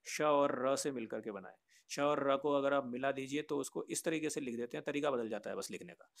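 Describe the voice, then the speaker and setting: A man's voice: medium pitch, creaky. A man teaching a grammar lesson, patiently explaining to children and often asking rhetorical questions. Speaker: Sanskrit teacher.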